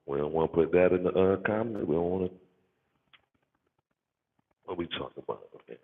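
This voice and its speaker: A livestream host and content creator, an American man with a deep, bassy, gravelly voice, rambles casually in slang at a slightly fast clip, repeating phrases for emphasis. His bass-boosted mic sounds muffled and narrow-band, with boomy, hall-like reverb.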